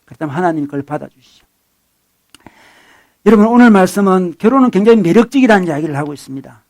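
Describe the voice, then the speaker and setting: Fast-talking high-voiced Korean pastor preaching. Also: male voice, expressive, darkish tone. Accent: Gyeongsang (Masan). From South Korea. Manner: conversational, acts out quoted voices, chuckles. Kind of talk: sermon. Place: church.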